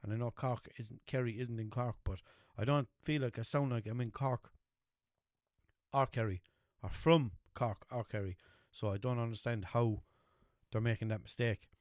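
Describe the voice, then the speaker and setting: Speaking at a moderate pace with fairly even intonation, a young Limerick-accented Irishman hosts a podcast in a mid-range, darkish voice. He chats and rambles, swearing freely and asking his listeners "know what I mean". It's studio quality with no echo.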